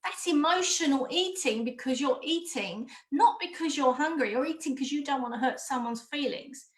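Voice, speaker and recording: A woman gives an online coaching lesson in a high, bright voice. She is direct and emphatic and drives her points home by repeating them. The sound is roomy and echoey. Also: moderate pace. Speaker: mindful eating coach. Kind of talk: online course talk.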